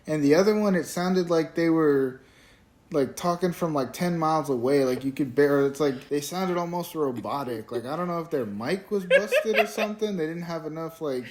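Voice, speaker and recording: A man's voice: fairly high pitch, normal speed, a little mellow, a little hiss or hum. A man co-hosting a casual movie review, laid-back and hedging, with lots of "like".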